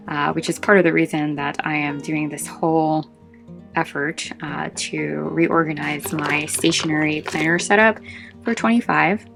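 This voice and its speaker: Woman chatting on a craft vlog, kinda out of breath, low croaky voice, light guitar music behind. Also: steady tone, normal speed. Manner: chatty and informal, meandering with asides. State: short of breath. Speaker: vlog host. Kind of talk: casual chat showing a craft collection.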